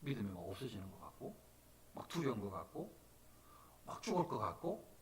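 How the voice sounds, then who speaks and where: A man preaching a sermon as pastor, animated, moving from soft talk to loud cries. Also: lowish voice, a little fast, distant mic, a little hiss or hum. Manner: animated, swings from soft to shouting. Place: church sanctuary.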